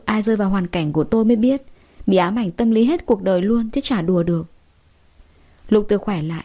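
A woman's voice: mid-range voice, dark tone. A woman narrating a first-person story in an emotive, chatty way.

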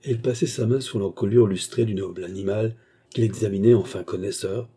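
A male audiobook narrator with a low, very dark, mellow voice. The tone is husky throughout. His storytelling is steady and measured. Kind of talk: scripted narration.

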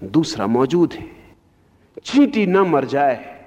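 A man giving a spiritual discourse, speaking slowly and with emphasis, his voice rising sharply on key points, in a lo-fi archival recording. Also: on the high side, sing-song, darkish tone. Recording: lo-fi archival recording in a long-reverb hall.

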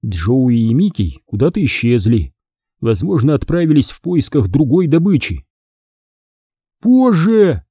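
A man's voice: medium pitch, moderate pace, breathy edge, no room sound, clean studio sound. A man narrating a children's horror audiobook, telling it expressively and doing every character's voice himself. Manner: expressive, does all the voices. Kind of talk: scripted horror story narration.

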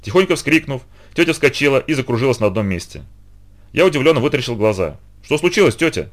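A man reading a children's story aloud at a brisk clip. His voice swings up and down with plenty of life. He sits mid-range in pitch. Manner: animated, quick storytelling. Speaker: narrator.

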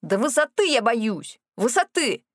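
A woman's voice: on the high side, animated, normal speed, dry recording, clean studio sound, voice pushed up, lightly acted. A woman voicing a cowardly, fussy male ghoul who protests shrilly and indignantly.

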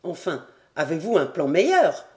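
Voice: medium pitch, expressive, moderate pace, dark tone, close to an everyday voice. An earnest young sea captain, practical and a little impatient, as an audiobook reader puts him on. He is read close to the narrator's own voice, with only a slight edge of urgency. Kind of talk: audiobook character voice.

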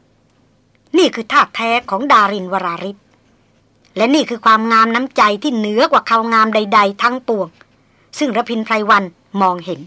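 Woman audiobook narrator, bright, slightly high, measured literary reading, dry close sound. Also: no room sound. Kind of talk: scripted novel narration.

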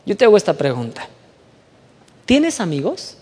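Animated Mexican man in an echoing hall. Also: high voice, moderate pace, breathy edge. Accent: Mexican Spanish. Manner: animated, swings between hushed asides and raised voice, rhetorical questions. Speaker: speaker giving a talk. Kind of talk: storytelling talk to an audience.

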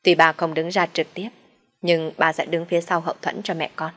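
A woman voicing a stern elderly man who heads the family, speaking slowly and measured. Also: deep voice, level tone, fairly bright tone. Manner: slow, measured.

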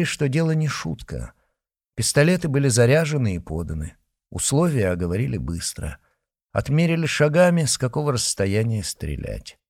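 A man narrating a historical detective audiobook with dramatic, expressive reading. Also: medium pitch. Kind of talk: scripted narration.

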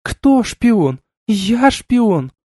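A shrill, indignant young woman of a starship crew, as a male audiobook reader puts her on, her voice pitched far up and strained with outrage. The recording is dry and close. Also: fairly quick, warm tone, dry recording, lightly acted. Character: young woman, indignant, sharp-tongued ship's radio operator. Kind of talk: audiobook character reading.

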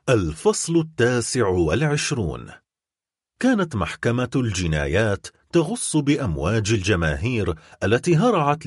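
Husky man reading an audiobook dramatically. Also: fairly low pitch, no echo, studio quality. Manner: dramatic, expressive storytelling. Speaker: narrator. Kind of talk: audiobook reading of a classic novel.

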